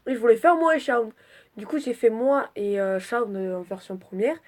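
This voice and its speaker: A woman's voice: fairly high pitch, lively intonation, moderate pace, darkish tone. Chatty woman vlogger with a cold. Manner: chatty and scattered, swears freely. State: stuffy from a cold. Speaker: vlogger presenting her character drawings. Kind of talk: casual rambling vlog.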